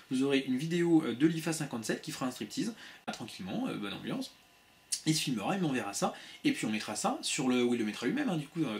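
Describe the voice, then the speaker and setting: A man hosting a casual livestream from a home room on a laptop webcam, reading viewers' messages aloud in a quick, playful way with many restarts. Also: medium pitch. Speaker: livestream host. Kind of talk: casual live chat with viewers. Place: home room with shelves of CDs.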